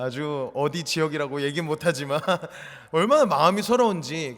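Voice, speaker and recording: Young male junior pastor, personal-testimony sermon, big dynamic swings, long church reverb. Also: fairly high pitch. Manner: storytelling testimony, swinging between loud and hushed. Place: church sanctuary.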